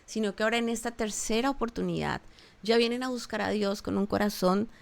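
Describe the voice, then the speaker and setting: A woman's voice: mid-range voice, brisk, gravelly. A woman pastor with a Colombian accent teaching a Bible passage in a conversational sermon, acting out the people's prayers in their voices.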